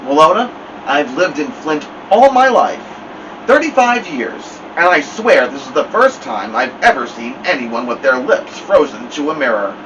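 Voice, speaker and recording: A father teases his son in a joking, amused voice, as a man reading aloud puts him on. His pitch swings widely between lines. The sound comes from some distance, over an air conditioner's hum. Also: big pitch swings, moderate pace, highs cut off. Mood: teasing. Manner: joking, dry teasing.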